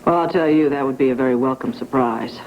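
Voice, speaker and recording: A troubled wealthy newspaper owner who speaks plainly and directly, with a low, mellow voice. The sound comes off a worn VHS tape copy, dull and muffled with a faint hiss. It is played in the style of a 1980s soap opera. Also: female voice, fast.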